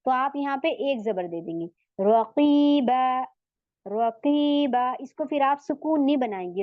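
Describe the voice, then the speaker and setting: Slow-explaining female Quran teacher. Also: high-pitched, no echo, phone-quality sound. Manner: patient, explains step by step, often asks the class questions; says Arabic letters and words slowly and drawn out for demonstration. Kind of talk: online tajweed lesson.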